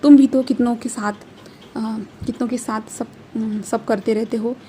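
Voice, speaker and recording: A woman's voice: fairly high pitch, fairly even intonation, moderate pace, dark tone, slight background noise, close to an everyday voice. A woman reading the part of a scheming, domineering father who scolds his son, in a fan story. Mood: scolding. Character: scheming domineering older father, a clan leader.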